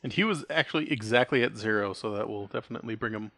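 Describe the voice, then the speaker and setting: A man running a tabletop game, calmly narrating what the players see. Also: lowish voice, quick pace, dry recording, studio quality. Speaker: game master.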